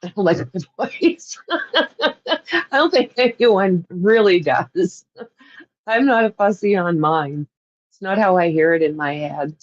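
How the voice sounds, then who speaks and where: A livestream host with a Canadian accent chats casually with her live viewers, rambling and laughing often. Her fairly low voice is animated but slow, with long pauses, and the audio is dull with no room sound.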